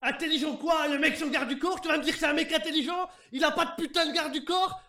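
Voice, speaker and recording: A man's voice: very high-pitched, animated, fast talker, a bit bright. A man playing a defiant, unhinged prisoner in improvised role-play, mocking his captors with theatrical, foul-mouthed outbursts. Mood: agitated, boastful.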